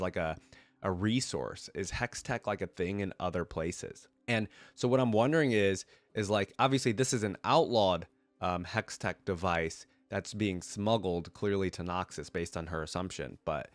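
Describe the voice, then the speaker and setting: Hosting a reaction video, a man with a congested, cold-affected voice reads a story aloud and keeps breaking off into rambling, casual asides as he thinks aloud. His voice is fairly low, recorded with no room sound.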